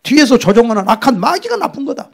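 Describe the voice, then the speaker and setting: A man's voice: very high voice, very animated, fast, gravelly, slightly rough. A middle-aged man preaching a sermon as a pastor, telling the story dramatically, acting out voices and dropping to whispers.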